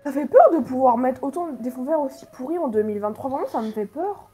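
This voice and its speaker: A woman's voice: sits high, lively intonation, fast talker, mellow, faint music behind. A woman talking casually as a panelist. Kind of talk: casual chat.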